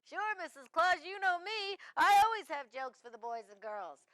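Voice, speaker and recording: Lady doing a giggly talking christmas tree, eager corny jokes, real high bright voice. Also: very animated, normal speed, no echo, heavily acted. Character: cheerful talking fir tree, joke-telling friend. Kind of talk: children's TV puppet show.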